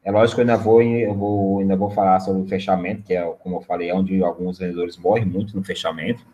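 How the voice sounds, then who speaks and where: A man's voice: deep voice, steady tone, fast, mellow. A man from Brazil presenting a sales webinar in a conversational way, tagging his points with a questioning "né?". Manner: conversational, keeps adding a questioning "né?". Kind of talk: casual webinar lecture.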